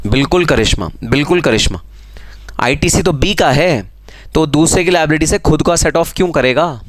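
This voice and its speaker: A man's voice: on the high side, moderate pace, dry recording. A man with an Indian accent teaching a live online tax class, teasing students and answering their comments in a conversational way. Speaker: GST teacher.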